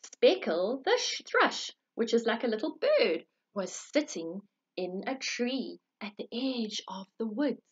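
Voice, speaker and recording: Lady reading a kids story, high lively voice, slow and sing-song, dull recording. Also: breathy edge. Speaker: children's storyteller. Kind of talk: reading a storybook aloud to children.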